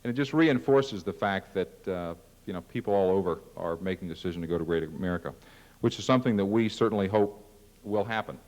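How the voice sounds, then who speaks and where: A man's voice: deep voice, fast, a little mellow. Man presenting in an echoing hall. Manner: casual, self-deprecating, acts out ad lines. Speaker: marketing presenter at a company meeting. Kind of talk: presentation to staff. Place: large conference hall. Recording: long reverb of a large hall.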